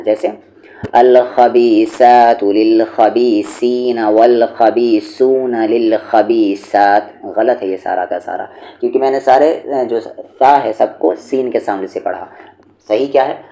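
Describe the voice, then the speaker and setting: A man teaching Quran recitation, explaining pronunciation and reciting example words slowly. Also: on the low side, creaky, warm tone. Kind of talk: tajweed lesson with recited examples.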